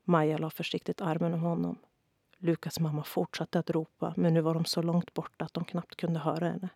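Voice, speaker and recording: A woman voicing a shy, ashamed young boy in a children's storybook who speaks quietly, often in a whisper. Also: sits low, flat delivery, creaky, breathy edge, no echo, clean studio sound, heavily acted.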